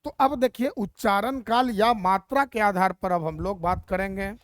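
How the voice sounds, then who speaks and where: A woman's voice: mid-range voice, moderate pace, dry recording. A woman teacher explaining Hindi grammar step by step and asking rhetorical questions as she goes.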